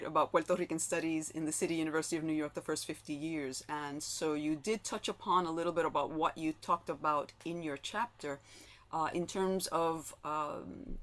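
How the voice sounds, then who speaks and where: A woman with a deep yet fairly bright voice moderates a panel discussion; Spanish was her first language. She uses lots of fillers like "um" and tends to end her points with "right?".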